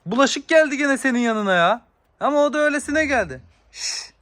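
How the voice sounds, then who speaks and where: A man, a father and dog owner, chatting casually to viewers in a yard while giving sharp commands to his dogs. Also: extremely high pitch, animated, a little fast. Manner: sharp commands to dogs, shooing them back. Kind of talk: casual vlog talk to viewers.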